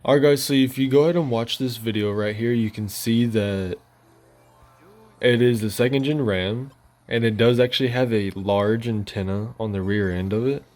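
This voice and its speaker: The male gaming host here speaks at a moderate pace in a mid-range, darkish voice, giving loose, colloquial news commentary. His voice-over sits on top of gameplay footage, backed by music.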